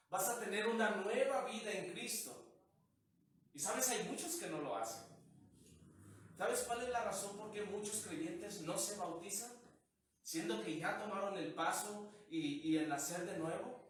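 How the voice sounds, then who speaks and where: A man preaching to his congregation, with a high voice that keeps tossing out rhetorical questions. He stands in a church sanctuary with very heavy echo. He is picked up from a distance. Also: a bit bright. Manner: peppers talk with rhetorical questions. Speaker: pastor. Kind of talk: sermon. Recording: echoey hall, mic far off.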